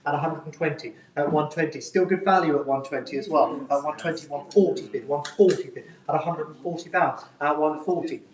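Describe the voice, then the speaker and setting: A man's voice: on the high side, fairly quick, hardly any pauses, far from the mic. A man working as an auctioneer, calling lots and bids live in a polite, repetitive patter of numbers. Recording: echoey room, picked up from afar.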